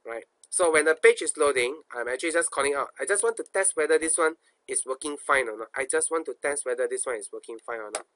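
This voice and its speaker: Talking fast in a slightly high, fairly bright voice, a Singaporean-accented programming instructor works through an informal coding tutorial. He reasons out loud colloquially, questioning himself and repeating phrases, and there is no room sound.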